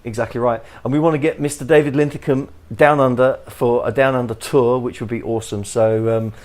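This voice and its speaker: A man with an English accent hosting a podcast interview, talking haltingly with many restarts. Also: mid-range voice, steady tone, a little mellow. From England. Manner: halting, many restarts and fillers, chuckles often. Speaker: podcast host.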